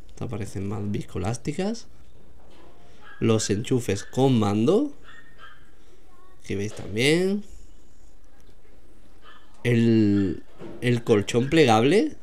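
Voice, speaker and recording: Speaking slowly with long pauses, a man with a medium-pitched, darkish voice swings widely in pitch. He's a vlogger ambling through a supermarket aisle, chattily pointing out products in casual narration.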